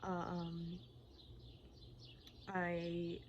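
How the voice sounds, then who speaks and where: Birdsong and noticeable environmental noise sit behind this woman's voice, which runs a little lower than average. She speaks candidly, as in a personal vlog. Her delivery is casual and rambling, with halting repeats as she goes. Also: monotone, highs cut off. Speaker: personal vlogger. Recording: clearly noisy outdoor-like ambience, birdsong.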